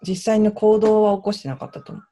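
A woman in a casual podcast chat, speaking thoughtfully and softly, with frequent backchannels. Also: medium pitch, little pitch movement, quick pace. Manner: thoughtful, soft-spoken, many backchannels.

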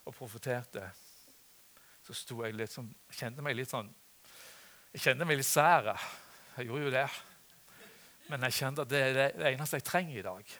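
An older man delivers a sermon, speaking in an earnest, personal way. His voice sits at an ordinary pitch, sinks into soft near-whispers, then swells into loud, emotional calls. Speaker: preacher.

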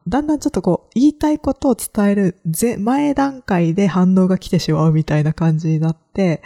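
Reflective Japanese woman podcaster, low mellow voice. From Kagoshima, Japan. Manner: reflective, hesitant, many fillers. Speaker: podcast host. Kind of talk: solo casual podcast talk.

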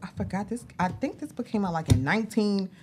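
A woman's voice: mid-range voice, animated, fast talker, darkish tone, slight background noise. A middle-aged woman co-hosting a podcast, chatting casually and animatedly, laughing often. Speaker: podcast co-host. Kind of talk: casual chat.

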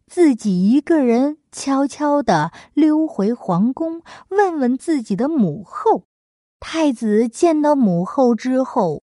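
Female storyteller, animated and slow, mellow tone, dry booth sound. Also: a little high, no echo. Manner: expressive, lively storybook delivery. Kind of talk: serial storytelling narration.

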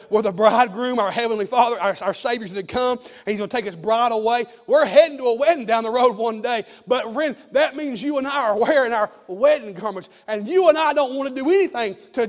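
A male pastor, preaching a sermon from the pulpit in a hoarse voice, with fervent repetitions and restarts. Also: high voice. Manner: fervent preaching with frequent restarts and repeated words. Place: church sanctuary, at the pulpit. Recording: long church reverb.

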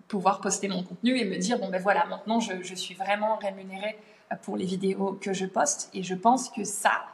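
A woman's voice: mid-range voice, vocal fry, reverberant. A woman language teacher, a podcast guest, talking animatedly in casual conversation and thinking aloud with many fillers.

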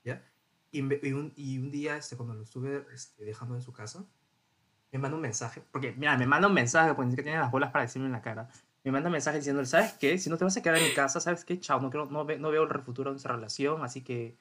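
A young man, a podcast co-host telling stories in animated casual chat and swearing freely. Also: mid-range voice, fast.

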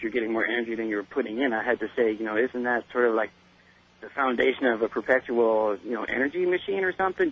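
A man's voice: mid-range voice, husky. A male caller on a radio talk show, chatting and apologizing, heard over a poor-quality digital phone line. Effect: poor quality digital cell phone line. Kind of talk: call-in radio chat. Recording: dull lo-fi phone call on radio.

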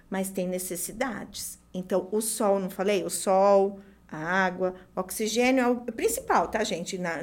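A woman with a Brazilian accent explaining as a guest trainer, emphatic and didactic, repeating key points. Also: medium pitch. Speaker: guest hair-salon service trainer. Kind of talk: conversational explaining.

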